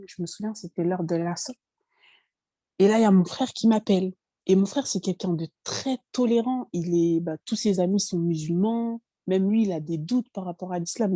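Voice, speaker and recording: A woman's voice: fairly low pitch, mellow, dry recording. A woman in her twenties giving a hesitant, emotional personal testimony, often apologizing and restarting.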